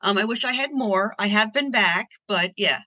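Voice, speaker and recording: A woman's voice: medium pitch, moderate pace, pushed and bright, no echo, dull audio. A woman from Pennsylvania chatting as an interview guest, upbeat and rambling with restarts. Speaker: guest artist. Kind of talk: casual interview chat.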